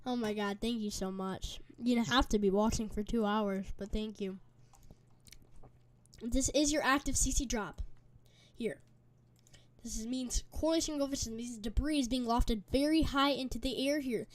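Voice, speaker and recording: High-pitched woman doing live storm-tracking commentary, reads chat, eating while she talks. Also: normal speed. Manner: reads chat aloud, urgent safety warnings, chatty. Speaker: livestream weather host.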